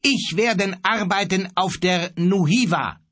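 A man's voice: high-pitched, slow pace, a bit bright, pitched above the performer's own voice, heavily acted. A man voicing a sly, cheeky young sailor who speaks broken German in an audiobook.

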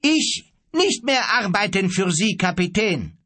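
A man's voice: sits high, very animated, takes it slowly, sharp tone, pitched above the performer's own voice, full character voice. A man voicing a sly, cheeky young sailor who speaks broken German in an audiobook.

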